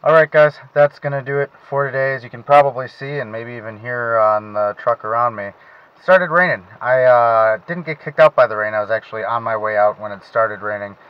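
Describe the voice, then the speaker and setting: A man fishing from a small boat on a lake keeps up a chatty running commentary to himself and a boat-mounted action camera for his vlog. His mid-range voice is brisk and clean in tone, but the highs are cut off.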